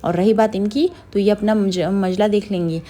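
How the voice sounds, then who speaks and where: A woman's voice: mid-range voice, fairly even intonation, moderate pace, warm tone, close to an everyday voice. A woman reading a brash defiant village man. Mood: blunt. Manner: blunt, scolding.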